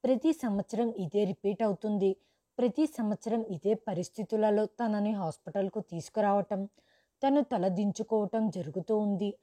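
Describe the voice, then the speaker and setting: A woman's voice: medium pitch, moderate pace, warm tone. A woman reading a first-person story as scripted narration, dramatic, raising her voice for quoted lines.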